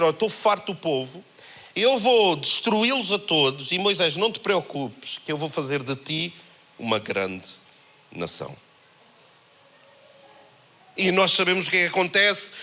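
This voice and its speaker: A man with a European Portuguese accent preaching a sermon, in a conversational, animated way that acts out the voices he quotes. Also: high-pitched. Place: church held in a cinema.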